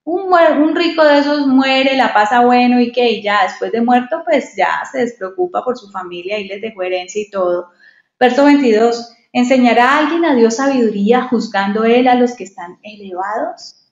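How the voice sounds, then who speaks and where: Higher-pitched woman teaching the Bible. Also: normal speed. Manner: explains verses with many rhetorical questions. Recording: echoey, dull lo-fi recording.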